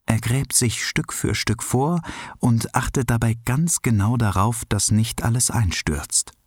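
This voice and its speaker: A man reading a children's story aloud in an expressive, unhurried way. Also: slightly rough, no room sound, clean studio sound. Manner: expressive, unhurried, lively pitch.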